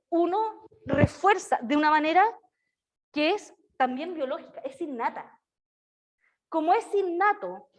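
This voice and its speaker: A woman lecturing to a class of students, her voice pitched high. She keeps checking that the class follows with little tag questions. Now and then she shifts into a sing-song baby-talk voice to act out examples. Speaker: university lecturer in early childhood education.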